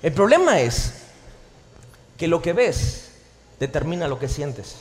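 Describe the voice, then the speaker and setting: A man preaching a sermon as pastor, animated and full of jokes, in a church hall. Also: a little high, slow. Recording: reverberant hall, faint ambience.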